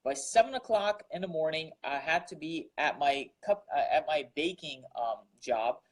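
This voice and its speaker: A young Russian entrepreneur, appearing as a guest in a casual interview, speaks earnestly about his daily grind, repeating words and filling his speech with fillers. His voice is on the high side and his pace moderate.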